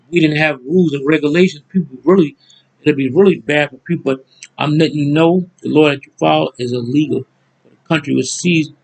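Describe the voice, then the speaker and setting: A man's voice: on the high side, creaky, rough recording. A man, ranting angrily to his viewers in a repetitive monologue, cursing as he goes. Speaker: channel host. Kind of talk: angry monologue to camera.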